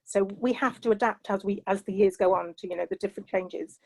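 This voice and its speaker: Poor audio captures a fast-talking, creaky, medium-pitched voice belonging to a middle-aged Englishwoman on a panel. Her British-accented remarks are heartfelt personal reflections, with "you know" coming up often.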